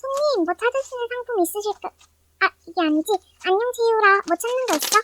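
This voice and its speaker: Sped-up, very high-pitched female voice. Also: lively intonation, a little fast, fairly bright tone, a little hiss or hum. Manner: playful, exaggerated tongue-twister delivery. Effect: sped up to 130 percent. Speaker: storyteller voicing her own slime skit. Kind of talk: fast comic skit narration.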